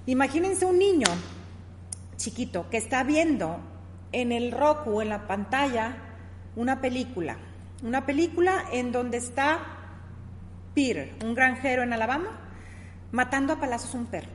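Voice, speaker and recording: A middle-aged woman talks her listener through a lesson in a warm, conversational teaching style, stopping often to check that she is understood. Her voice sits a little high. The recording has a long reverb tail and a faint hum of room ambience behind it. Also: expressive, normal speed, pauses often. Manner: explains with examples, asks "¿sí?" often.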